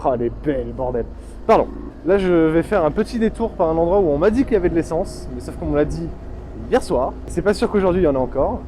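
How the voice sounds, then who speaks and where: A man's voice: on the high side, animated, fast talker, dark tone, a little hiss or hum, rough recording. A man with a southern French accent, chatting casually as he rides his motorcycle and swearing freely. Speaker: motorcycle vlogger. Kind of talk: casual vlog while riding.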